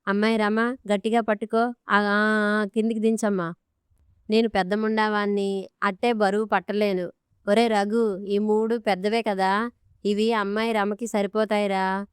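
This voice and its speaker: A woman's voice: medium pitch, little pitch movement, normal speed, pauses often, clear, resonant tone, no room sound, close to an everyday voice. Woman voicing a blunt old father-in-law, commanding, clean dry audiobook sound. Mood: firm. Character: stern older man, a firm father-in-law.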